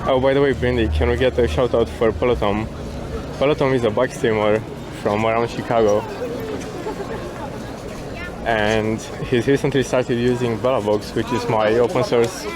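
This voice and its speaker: A man's voice: medium pitch, level tone, normal speed, a crowd in the background, poor audio. A man from Romania, an IRL streamer, chatting casually with his viewers as he walks outdoors through a city. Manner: laid-back, thanking chat viewers by name. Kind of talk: casual live-stream chat while walking. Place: outdoors on a city square and promenade. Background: music playing nearby.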